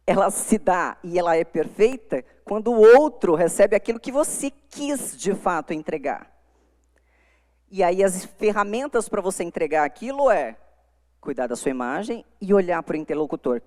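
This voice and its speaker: A woman's voice: low voice, darkish tone. A middle-aged woman with a Brazilian accent gives a live lecture on communication to young lawyers, speaking emphatically into a microphone. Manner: emphatic, demonstrative, shifts volume to make points. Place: conference hall before an audience. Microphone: handheld microphone. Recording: long hall reverb.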